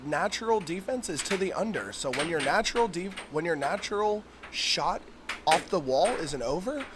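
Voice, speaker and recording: A man's voice: high-pitched, animated, moderate pace. A man giving casual, joking live sports commentary with tongue-in-cheek banter. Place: indoor venue during a live match. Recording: noisy room, clicks and door sounds.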